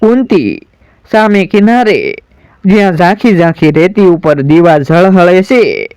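A man's voice: sits high, animated, unhurried, clean tone, no echo. A man doing a tender royal mother. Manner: gentle, coaxing, affectionate. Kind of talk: dramatic storytelling recitation.

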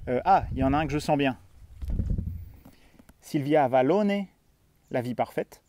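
A man's voice: mid-range voice, a little fast, a little mellow, slight background noise. A man chatting casually about books in a vlog, with lots of hesitations and fillers. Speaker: book vlogger. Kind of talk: casual book review vlog. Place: holiday stay in Tuscany.

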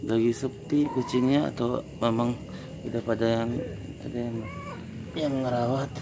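A man with a gravelly, rough-edged voice talks softly to hungry stray cats, urging them again and again to come closer and eat. He speaks in short, repeated calls in a casual, coaxing way. The recording is noisy, with an outdoor market at night, meowing cats and passing vehicles behind him. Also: medium pitch, fairly even intonation, moderate pace. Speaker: vlogger feeding stray cats. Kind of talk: casual talk to animals.

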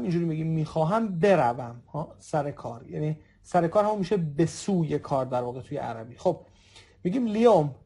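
A man in his thirties gives a recorded language lesson in a dark, gravelly, slightly husky voice. He works patiently through example sentences, repeating each phrase slowly. He speaks to his listeners as friends. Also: on the high side. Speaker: Arabic dialect teacher.

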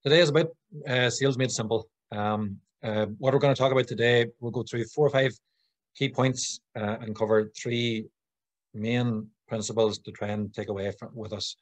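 A Northern Irish man in his forties, a sales consultant, appears as a guest speaker on a video call, giving an informal business presentation in a conversational, slightly hesitant way. His voice is medium-pitched with fairly even intonation and a moderate pace. He's recorded indoors, at home or in a small office, on a computer mic with no echo.

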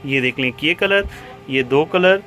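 A man with a Pakistani accent giving an eager teleshopping sales pitch, repeating praise and prices as he presents stock. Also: measured pace, fairly bright tone, faint music behind. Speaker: cloth shop seller presenting stock. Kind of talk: sales pitch for a product video. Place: fabric shop, indoors.

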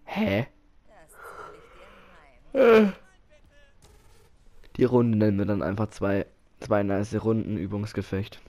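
A man commentating his own match while playing, excitable, often exclaiming and laughing. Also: fairly low pitch, takes it slowly, pauses often. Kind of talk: casual gaming commentary.

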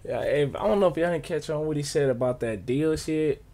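A man's voice: on the high side, brisk. A man in his twenties with an American accent giving casual, slangy, emphatic reaction commentary to the camera. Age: 20s. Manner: animated, slangy, emphatic, peppered with "bro" and "you know what I'm saying". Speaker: reaction video host. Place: small home studio with acoustic foam panels, indoors.

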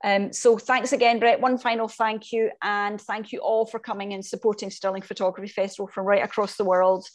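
A woman hosts an online talk over a video call. Her pitch sits in the middle and her manner is appreciative and chatty, dotted with fillers. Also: flat delivery, a little fast, hardly any pauses. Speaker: host.

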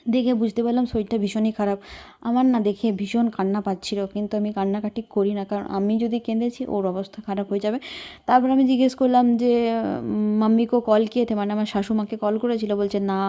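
Subdued woman, flat worried voice. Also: medium pitch, a little fast, lo-fi sound. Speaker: vlogger. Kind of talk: casual personal vlog.

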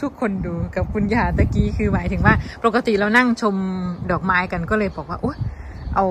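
A woman's voice: mid-range voice, brisk, noisy background. A woman with an Isan Thai accent, chatting casually to her viewers in a vlog while showing a garden outdoors. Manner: chatty, addresses viewers as brothers and sisters. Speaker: vlogger.

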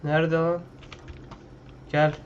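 A fairly high-voiced man commenting on his own gameplay in a loose, slangy way, talking to himself and to the characters on screen. His home mic sounds dull and lo-fi. Keyboard clatter and a faint hum sit behind him. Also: flat delivery, takes it slowly. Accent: Turkish. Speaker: gaming YouTuber.

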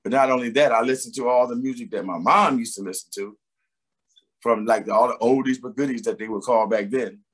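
Speaking on a webcam from a home room with a door at his back, this middle-aged Philadelphia singer is a guest in a laid-back interview chat. His medium-pitched, slightly rough voice wanders along, full of hesitations, fillers and false starts.

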